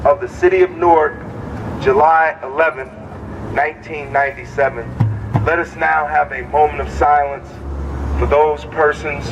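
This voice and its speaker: A man's voice: on the high side, lo-fi sound. Distant man giving an outdoor rally speech. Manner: deliberate, declarative public address. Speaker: rally leader, community organizer. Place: outdoors at a city street rally. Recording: distant mic, noisy outdoor street with traffic. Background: street and vehicle noise.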